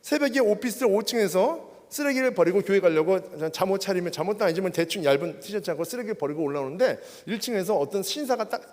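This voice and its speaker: A man's voice: high-pitched, quick pace, hardly any pauses. A middle-aged man preaching a testimony sermon at a church worship service, keeps asking the crowd questions. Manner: animated, keeps addressing the crowd with rhetorical questions. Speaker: guest preacher. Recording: long hall reverb.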